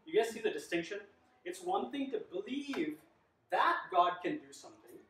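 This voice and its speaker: A man in his thirties telling a personal story as he teaches a class, animated and full of rhetorical questions to his listeners. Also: sits high, normal speed. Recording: echoey room, mic at a distance.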